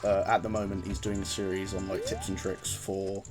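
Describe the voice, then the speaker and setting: A man's voice: deep voice, little pitch movement, moderate pace. A man streaming a video game with rambling, chatty commentary that often breaks off mid-sentence. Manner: rambling, chatty, self-interrupting. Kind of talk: casual gameplay commentary. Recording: background music under voice.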